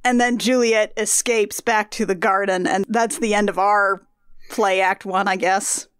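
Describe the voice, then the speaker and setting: A woman's voice: mid-range voice, fairly even intonation, measured pace, a bit bright, clear, resonant tone, no echo, studio quality. Wry, chatty woman podcast host. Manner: wry, chatty with many "like" fillers. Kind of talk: casual chat.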